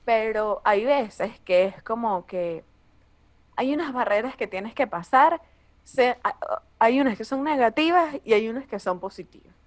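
A young woman comedian with a Venezuelan accent talks in an easy, conversational way. Her voice sits a little high, and she is blunt, profane and quick with asides. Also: lively intonation. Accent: Venezuelan Spanish. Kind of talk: casual podcast conversation.

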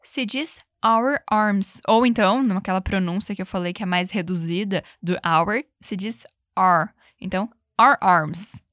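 A woman teaching English, explaining phrases and leading repetition drills, saying the English examples slowly and clearly. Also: mid-range voice, fairly bright tone, dry recording, clean studio sound. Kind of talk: language lesson with repetition drills.

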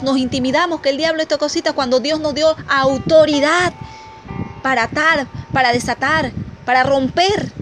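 A woman's voice: sits high, a bit bright. A woman preaching a testimony sermon with fervent conviction, often calling her listeners "amadas". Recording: music playing clearly behind.

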